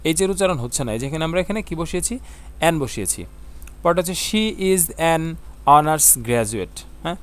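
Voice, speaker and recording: A man explaining English grammar, reading example sentences slowly and answering his own questions. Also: on the high side, clean tone. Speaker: English teacher.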